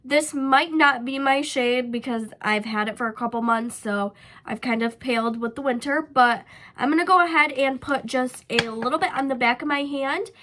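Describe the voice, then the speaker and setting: There's slight background noise as a young beauty vlogger with a cold walks viewers through her makeup. Her voice sits high and fairly bright, nasal and stuffy, at a moderate pace, and her casual chatter is peppered with "um" and "like."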